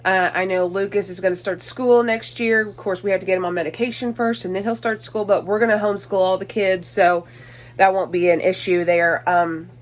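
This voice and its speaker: A young woman in her twenties chats to her viewers from inside a small, busy home. Her talk is loose and rambling, full of "um"s and restarts, and she is slightly short of breath. Her pitch sits in a plain, middle range. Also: steady tone, fairly quick. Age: 20s. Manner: rambling, many fillers and restarts. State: out of breath, allergies. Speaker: mom vlogger. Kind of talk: casual chatty vlog. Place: small cluttered home, indoors.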